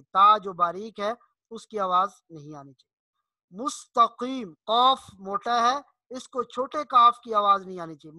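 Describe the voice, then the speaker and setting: A man, teaching Quran pronunciation in an online lesson. He explains patiently and draws out the recited words slowly to show the right sounds. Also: high voice, pushed and bright, no echo.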